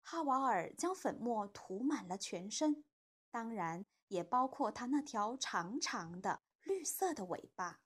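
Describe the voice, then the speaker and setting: A mother hosting a children's program, gently and expressively narrating a storybook. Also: a little high, very animated, measured pace, breathy edge.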